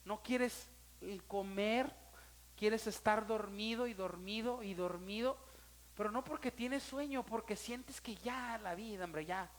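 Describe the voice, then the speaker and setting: A man's voice: high-pitched, a little slow. A man with a Mexican Spanish accent, a pastor giving a sermon and telling a personal story, emotional and speaking straight to his listeners.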